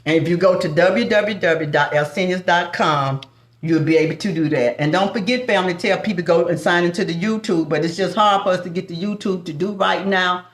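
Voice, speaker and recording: A woman's voice: fairly low pitch, fairly quick, roomy sound. Southern woman chatting on a cooking stream. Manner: warm folksy banter with viewers, calls them baby and family. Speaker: cooking show host. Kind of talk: live-stream cooking chat.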